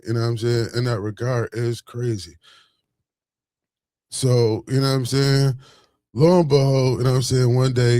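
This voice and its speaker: A man's voice: mid-range voice, mellow, no echo. A man in his forties telling a story in a casual, rambling monologue full of fillers and restarts. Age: 40s.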